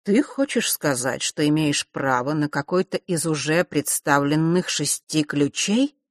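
A woman voicing a stern, imposing old man who rules, speaking slowly and gravely in an audiobook. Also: deep voice, expressive, dry recording, studio quality. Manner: slow, grave, commanding.

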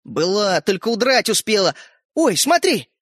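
A man voicing an excitable, bossy young boy in a storybook reading, insistent and breathless. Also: sits high, normal speed, no echo, clean studio sound, exaggerated voice. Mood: excited. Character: excitable boy, eager schemer.

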